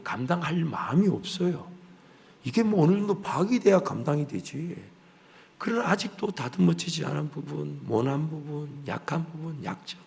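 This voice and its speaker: A man with a Gyeongsang accent preaching a revival sermon as guest pastor. He moves between hushed, near-whispered passages and loud, animated storytelling. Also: fairly high pitch, gravelly. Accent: Gyeongsang Korean. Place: church sanctuary. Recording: reverberant church sanctuary.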